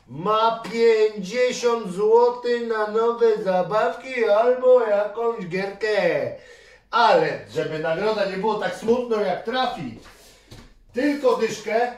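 A man, a father and channel host, giving energetic, cheering toy-game commentary for kids and counting down each try. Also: high voice. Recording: roomy, distant mic, faint noise.

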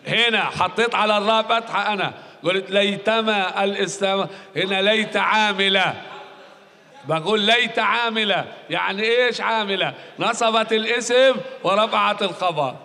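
A man's voice: high-pitched, normal speed, vocal fry, sharp tone, long reverb tail. A male university lecturer with a Palestinian Arabic accent, teaching grammar in a recorded classroom lecture, repeating key rules and quizzing his students.

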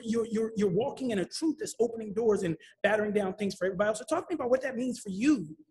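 A man moderating a panel, animated and emphatic, often repeating himself and asking "right?". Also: high voice. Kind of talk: panel discussion.

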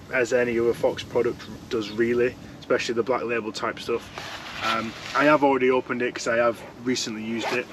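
A man's voice: mid-range voice, noisy background. A young man chatting casually as he reviews fishing gear from inside a tent, rambling and restarting his sentences. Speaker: fishing vlogger.

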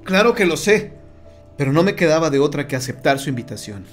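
A man's voice: on the high side, expressive, brisk, faint music behind, natural voice. A man voicing a wary young man who is trapped and answers with tense, forced politeness in an audiobook story.

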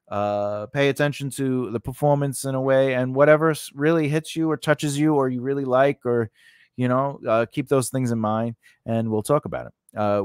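In clean studio sound with no room tone, a man with a medium-pitched, clean voice instructs a writing lesson. The tutorial is unscripted and informal, delivered conversationally, and he frequently repeats phrases and checks in with the listener.

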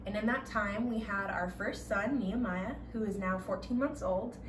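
A young, pregnant stay-at-home mom gives an upbeat, chatty tour of her small home, walking through the kitchen, nursery and bathroom at normal speed. Her middle-pitched voice has a roomy echo from a camera a few steps away, with faint ambience and a noisy background.

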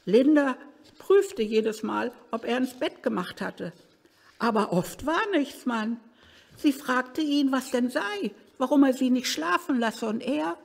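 A man giving a live first-person literary reading, slow and expressive with excited outbursts, in an old gatehouse. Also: extremely high pitch, creaky. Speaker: reader. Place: old gatehouse at a historic cemetery. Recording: reverberant hall.

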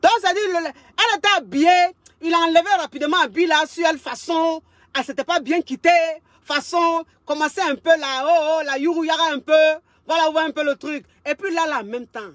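A woman relationship coach, telling a story in a lively way and repeating phrases for emphasis. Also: high-pitched, a little fast, no echo, clean studio sound. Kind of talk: casual storytelling monologue.

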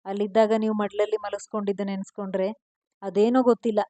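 Storybook read: shy young wife voiced by a woman, soft and pleading, mellow tone. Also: mid-range voice, level tone, quick pace, dry recording, lightly acted. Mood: affectionate.

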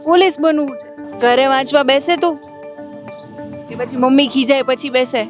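Female field reporter, high-pitched, playful, interviewing kids outside. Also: normal speed, music in the background. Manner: playful, teasing questions. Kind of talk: on-location interview with schoolchildren. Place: outside at a girls' school.

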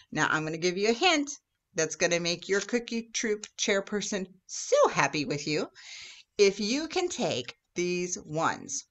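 A female Girl Scout troop leader gives an upbeat instructional talk for a kids' video, occasionally acting out exchanges with customers. Her voice is medium-pitched and fairly bright.

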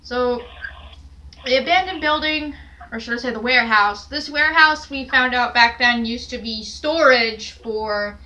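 Filming in her messy little bedroom with a camera on a stand some distance away, a young storytelling vlogger rambles through a casual tale, full of fillers and false starts. She sounds high-pitched and sharp, and the audio quality is poor.

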